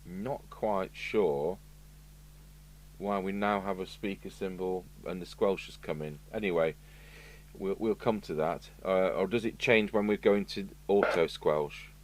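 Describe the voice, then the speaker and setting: A deep, darkish male voice with a measured pace belongs to a British radio repair technician presenting a review. He muses to himself in a casual, matter-of-fact way as he works, in an indoor electronics workshop with clear background noise and an electrical hum.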